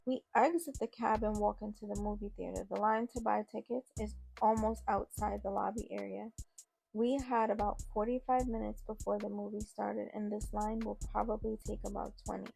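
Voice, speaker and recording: A woman's voice: mid-range voice, little pitch movement, normal speed, vocal fry, dark tone, breathy edge. A woman telling a first-person story in a casual, conversational way. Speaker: narrator.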